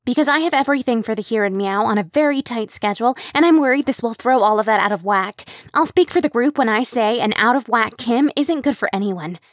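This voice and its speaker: Woman playing a squeaky young woman, anxious, apologetic, high, dry close sound. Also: expressive, fairly quick, few pauses, no room sound. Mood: fretful. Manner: fretful, apologetic, rising to indignant. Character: anxious, rule-bound young woman committee organizer.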